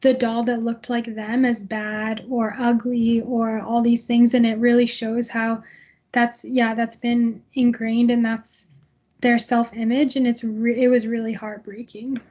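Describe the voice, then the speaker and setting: A woman speaking in an earnest, halting way with restarts, over a video call. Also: on the high side, little pitch movement, a little mellow, muffled recording.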